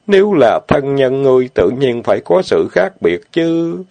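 A man voicing a serene, tender young fairy swordswoman in an audiobook, lifting his pitch and speaking sweetly. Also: big pitch swings, normal speed, creaky, mellow, dry recording. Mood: gentle, sweet.

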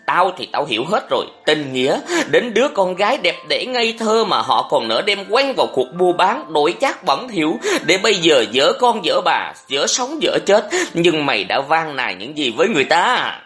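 A woman's voice: deep voice, sing-song, moderate pace, few pauses, a bit bright, pitched above the performer's own voice. A narrator voicing a bitter, suspicious young mother who scolds her brother in an audiobook. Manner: scolding, reproachful. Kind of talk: audiobook character reading.

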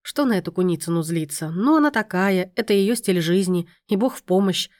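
Low-voiced woman narrating wryly. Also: expressive, brisk, a little mellow, dry recording, studio quality. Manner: wry, sardonic storytelling. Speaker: audiobook narrator. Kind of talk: scripted narration.

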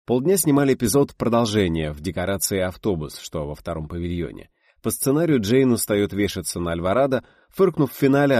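A man's voice: deep voice, darkish tone, no echo, clean studio sound. A man narrating an audiobook, reading expressively and voicing the characters.

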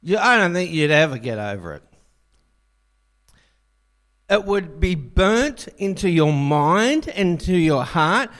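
A man preaching a sermon in a church, a jokey, animated storyteller. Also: on the high side, takes it slowly, pauses often.

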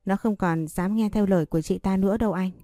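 A woman reading a story voicing a calm, clever young wife who reassures her husband gently. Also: medium pitch, fast, dry recording, studio quality, natural voice. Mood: reassuring.

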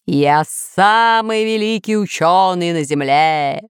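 In a storybook reading, a woman voices a boastful, villainous male scientist who rules dinosaurs, sounding pompous and threatening. Her pitch is fairly low, her pace slow, her tone clean, and the recording dry with clean studio sound.

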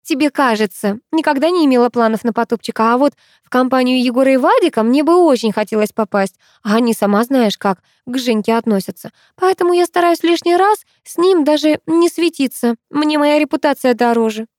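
A woman voicing a chatty, excitable teenage schoolgirl who gossips in rapid chatter. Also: high voice, no echo, clean studio sound, voice pushed up. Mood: chatty, excited.

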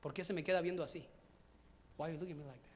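A man preaching a sermon as pastor, repeating each phrase in a second language, stammering and restarting, swinging between loud readings and soft asides. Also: a little high, steady tone, very fast. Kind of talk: bilingual sermon.

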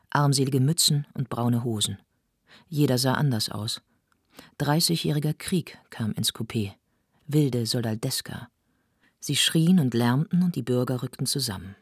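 A woman narrating a novel in an audiobook, in a measured, serious reading. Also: extremely low pitch, slightly rough, no echo, studio quality.

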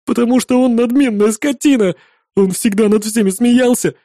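A man voicing a hysterical, desperate young male employee in an audiobook, with loud, ranting, sobbing outbursts. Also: very high voice, normal speed, no echo, clean studio sound, pitched above the performer's own voice. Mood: sobbing confession.

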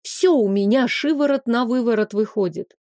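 Female audiobook narrator, somewhat high voice, wry lively delivery, dead-dry studio sound. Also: moderate pace, no echo. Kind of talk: first-person storybook narration.

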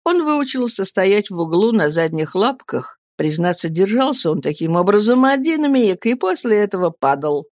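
A woman narrating a classic novel as an audiobook reader, steady and expressive. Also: medium pitch, normal speed, hardly any pauses, no room sound, clean studio sound.

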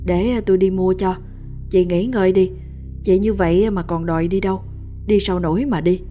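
A woman voicing the narrator's mother, a brisk, caring village woman who talks quickly and insistently. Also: mid-range voice, fairly even intonation, warm tone, soft background music, lightly acted.

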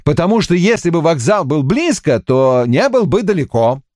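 A man doing a sneering officer in falsetto. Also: big pitch swings, normal speed, a little mellow, no room sound, clean studio sound. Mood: mocking. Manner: mocking, switches to a squeaky falsetto. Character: sardonic male army officer, mocking and prickly. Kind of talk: audiobook character reading.

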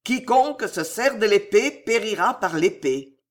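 A reader voicing a calm, majestic old admiral who speaks gravely and slowly. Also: medium pitch. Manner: grave and slow.

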